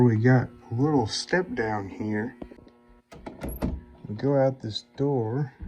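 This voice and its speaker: Young guy doing a casual house tour vlog, takes his time, kinda musing out loud. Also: medium pitch. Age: 20s or younger. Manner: unhurried, musing, plain-spoken. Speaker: host of an exploring vlog. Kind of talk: casual walk-through narration.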